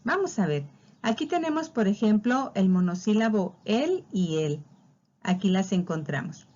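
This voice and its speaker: A woman's voice: medium pitch, very animated, measured pace, a little mellow, dull audio. A woman teaching a spelling lesson, patiently walking through examples and drawing out key words. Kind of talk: spelling lesson explained over slides.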